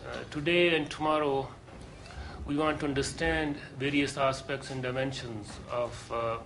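A man giving a lecture to a seminar group, earnest and deliberate, pausing often with hesitations. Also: medium pitch, steady tone, background noise. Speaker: course lecturer.

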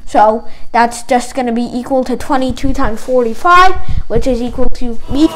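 A woman's voice: a little high, moderate pace, noisy background. A woman tutoring math in a playful, teasing way, dropping jokey asides between the steps. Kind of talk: comedic math lesson.

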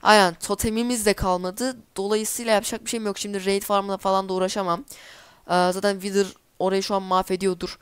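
A woman in a casual let's-play, chatting away to herself and her viewers as she plays. She is quick to get exasperated when things go wrong. Her voice is smooth and clean, recorded close and dry with no room sound. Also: medium pitch, level tone, no room sound. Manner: chatty, easily exasperated, talks to herself while playing. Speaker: gameplay commentator.

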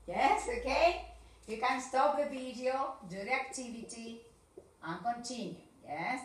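A bright, lively woman's voice with a Rioplatense Spanish accent, teaching English to small children at a slow, patient pace. She stretches out each model sentence and keeps checking that they follow. The sound is very echoey, picked up by a camera some way from her in the classroom. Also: a little high, far from the mic, slight background noise. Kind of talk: recorded video lesson for young children. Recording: echoey room, voice from off the mic.

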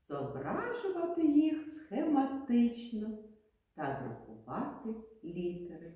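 A kindergarten teacher, a woman, leads a recorded lesson for small children at an unhurried pace, and her voice swoops widely up and down in a sing-song way. Her tone is mellow and slightly husky. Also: medium pitch. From Ukraine.

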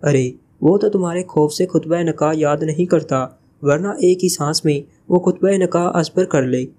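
A man's voice: fairly high pitch, moderate pace, warm tone, lightly acted. A man reading as a teasing joker spy leader. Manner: teasing, playfully evasive. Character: sly joking male spy team leader.

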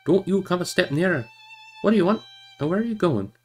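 A man's voice: medium pitch, very animated, a little fast, creaky, faint music behind. A man doing a folksy old hobbit farmer. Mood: gruff. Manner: rustic, folksy speech. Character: older male hobbit farmer, gruff and kindly.

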